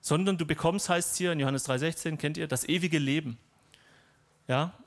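A man's voice: fairly high pitch, moderate pace. A man preaching a sermon in a conversational, personal and lightly humorous way.

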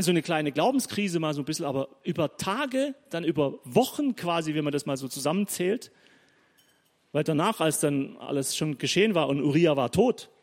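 A man preaching a sermon, telling Bible stories in a lively, chatty way and briefly acting out the people in them. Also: on the high side. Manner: lively storytelling, acting out biblical figures in quick asides.

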